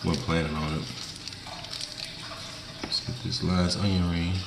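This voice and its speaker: A young Mississippi man with a rural Southern accent sits at a table in a small indoor room, chatting to viewers during a mukbang as a food vlogger. His voice is low and level with vocal fry and a slightly slow pace, and his talk is folksy, colloquial, and full of informal slang, over a roomy, noisy background.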